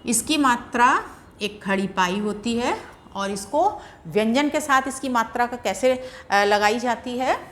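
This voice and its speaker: Slow, patient woman teaching grammar. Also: fairly high pitch, expressive, fairly bright tone, a little hiss or hum. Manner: patient, repeats syllables slowly and drawn out for pronunciation. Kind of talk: slow, deliberate classroom explanation.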